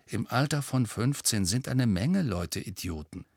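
A man voicing a hot-headed adult wizard who talks low, quiet and emphatic. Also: lively intonation, a little slow, husky, dry recording, clean studio sound. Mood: earnest.

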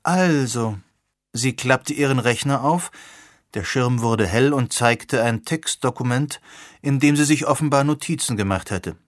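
A man narrating a novel in a steady, clear storytelling manner. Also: medium pitch, moderate pace, dry recording, clean studio sound. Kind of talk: scripted audiobook narration.

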